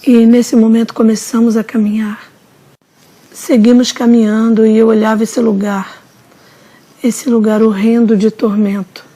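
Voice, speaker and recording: A woman narrating a religious testimony in a solemn, measured storytelling manner. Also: on the high side, flat delivery, warm tone. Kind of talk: slow dramatic testimony narration.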